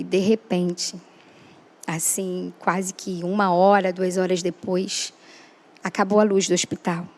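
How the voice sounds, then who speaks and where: A woman's voice: medium pitch, a little mellow. A woman guest giving an emotional personal testimony, earnest and acting out the dialogue she recalls. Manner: earnest, re-enacts dialogue, frequent "né?".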